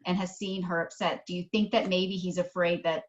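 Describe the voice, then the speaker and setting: A woman's voice: on the low side, level tone, brisk. Woman moderator reading out questions. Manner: reads questions with um fillers. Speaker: webinar moderator. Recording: dull lo-fi web audio.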